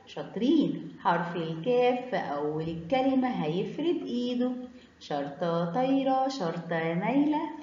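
A woman's voice: mid-range voice, a little mellow, slight background noise. Egyptian woman teaching kids letters, sing-songy, roomy dull recording. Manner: sing-song, drawn-out sounding of letters. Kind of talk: children's Arabic letter lesson.

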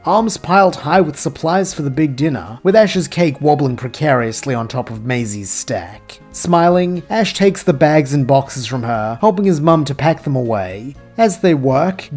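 A narrator telling a story in scripted narration, with a steady, even delivery. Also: medium pitch.

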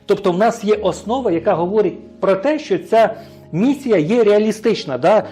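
Guy preaching a sermon, kinda high voice, keeps asking the crowd questions and going "right?", faint music under it. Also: lively intonation, moderate pace, warm tone. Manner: frequent rhetorical questions to the congregation; tags sentences with a questioning "right?".

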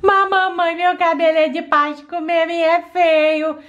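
A woman's voice: very high voice, level tone, normal speed, fairly bright tone, lo-fi sound, pitched above the performer's own voice. Woman doing a whiny little doll girl. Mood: whiny sad. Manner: whiny, pleading. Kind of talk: doll play storytelling.

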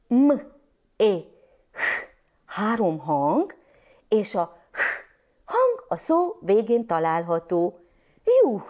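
A Hungarian woman from Transylvania teaching first graders to read, sounding out syllables and letters slowly and clearly. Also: mid-range voice, darkish tone. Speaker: primary school teacher.

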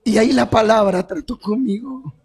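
A man giving a fervent testimony sermon as guest preacher, rising to shouts and calling out to his brothers. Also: sits high, normal speed, breathy edge.

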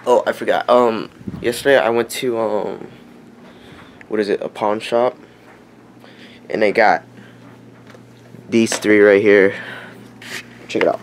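A man's voice: on the low side, fairly even intonation, takes it slowly, long pauses. Young man, casual vlog chat, hesitant, handheld camera, light background noise. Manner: hesitant, many fillers. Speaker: vlogger.

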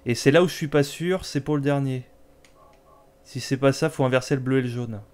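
A man's voice: medium pitch, steady tone, brisk, darkish tone. A man giving casual, joking commentary while playing a video game, talking back to it sarcastically. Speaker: let's play host.

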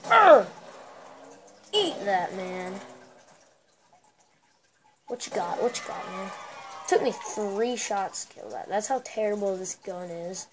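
A woman with a girlish voice giving excitable, trash-talking commentary while playing a shooter game. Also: mid-range voice, measured pace, long pauses. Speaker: gameplay commentator. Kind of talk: casual gameplay commentary. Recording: noisy recording with steady hiss.

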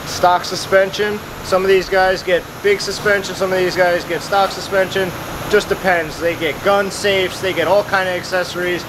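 In this casual vlog, a shop manager in his thirties walks viewers through a big indoor vehicle workshop, sounding upbeat and down-to-earth. He has a high voice with little pitch movement and speaks at a normal speed, while workshop sounds carry on behind him.

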